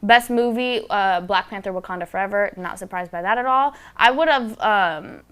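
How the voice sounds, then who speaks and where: A woman's voice: medium pitch, moderate pace, a bit bright, smooth. Blunt, candid woman podcast host. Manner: candid, blunt, swears freely. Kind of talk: casual solo podcast commentary. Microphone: close microphone.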